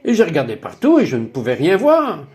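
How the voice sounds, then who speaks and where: A man's voice: fairly high pitch, wildly swooping pitch, fairly quick, a little mellow. A man narrating a dubbed personal testimony in an emphatic, exclaiming way, full of wonder.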